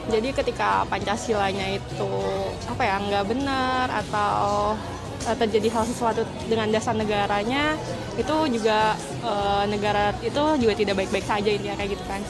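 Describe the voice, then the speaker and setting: A woman's voice: medium pitch, steady tone, moderate pace, over loud music, a loud crowd. A woman from Bandung gives a casual interview answer, searching for her words as she goes. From Bandung, Indonesia.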